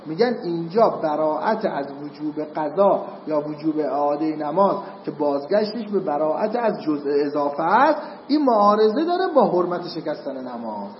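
A man's voice: fairly high pitch, a little hiss or hum. A man teaching a seminary class on jurisprudence, explaining step by step and often checking that students follow. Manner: explanatory, checks understanding with "got it?". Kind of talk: lecturing on Islamic jurisprudence. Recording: echoey hall, muffled lo-fi sound.

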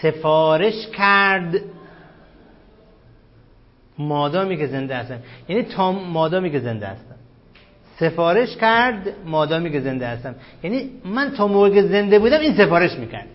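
A grammar teacher lectures a class in a fairly high voice, firing questions at his students and repeating key terms slowly. The recording sounds dull and lo-fi, with the sound of a classroom. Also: sing-song.

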